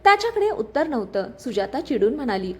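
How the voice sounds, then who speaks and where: High, lively woman reading a drama story. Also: fast. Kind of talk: scripted story narration.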